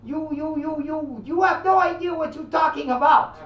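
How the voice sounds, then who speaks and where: A performer voicing an angry male Italian immigrant caller who stammers and shouts insults, in a put-on Italian accent. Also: high voice, moderate pace. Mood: sputtering rage. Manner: sputtering, stammering repeated words, shouting insults. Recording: echoey, distant, dull lo-fi.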